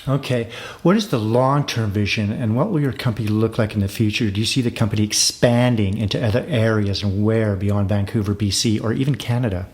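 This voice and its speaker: A man's voice: on the low side, a little fast, hardly any pauses, a little mellow. Man hosting an interview. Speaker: host. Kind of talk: scripted introduction and interview questions.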